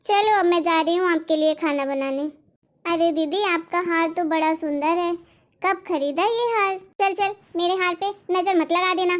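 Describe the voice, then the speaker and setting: A woman voicing a meek, polite young wife in a cartoon, speaking in a soft, pleading, conciliatory way. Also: very high voice, moderate pace. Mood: placating. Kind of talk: animated cartoon voice acting.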